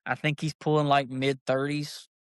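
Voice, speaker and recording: Man, shop-owner guest, folksy storyteller, mid-pitched voice, dry close sound. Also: normal speed, clean tone, no room sound. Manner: animated, folksy, says "dude" a lot. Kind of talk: casual storytelling chat.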